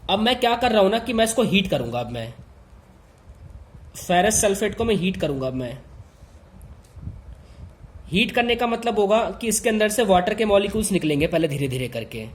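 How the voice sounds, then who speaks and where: This lesson comes from a male teacher with a fairly high voice who keeps things informal. He drives key ideas home by saying them again and addressing the class head-on.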